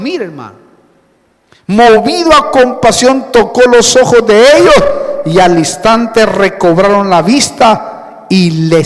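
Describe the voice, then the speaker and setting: High-voiced preacher in a reverberant hall. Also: male voice. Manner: emphatic, often calls out to the listener; swings between soft asides and loud cries. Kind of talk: sermon. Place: church hall.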